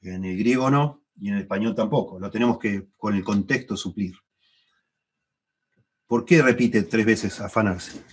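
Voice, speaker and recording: A man's voice: moderate pace, slightly rough. A middle-aged man with a Rioplatense Spanish accent teaching a Bible class at church, thoughtful and repeating phrases for emphasis. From Argentina. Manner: thoughtful, repeats phrases for emphasis, rises in pitch when stressing points.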